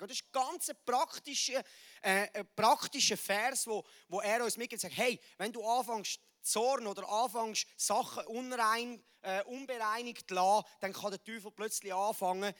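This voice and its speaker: A man with a Swiss German accent preaching a sermon, lively and emphatic, rising loud and dropping quiet. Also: sits high.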